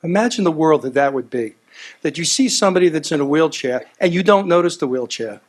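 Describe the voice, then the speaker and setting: A man's voice: a little high, fairly quick. A man giving a heartfelt speech at a gala, earnest and repetitive, telling stories with animation. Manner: earnest, repeats himself, animated storytelling. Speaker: gala speaker. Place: event hall.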